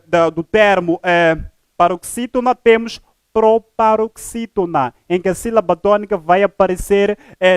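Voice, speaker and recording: A man teaching a live grammar lesson, slow and deliberate, spelling words out syllable by syllable in a formal tone. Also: high voice, clean tone, no echo, clean studio sound. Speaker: teacher presenting a live program.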